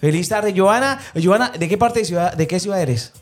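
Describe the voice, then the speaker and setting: High-voiced upbeat male radio host. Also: moderate pace, soft background music. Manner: upbeat announcer calls. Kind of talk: lively radio banter.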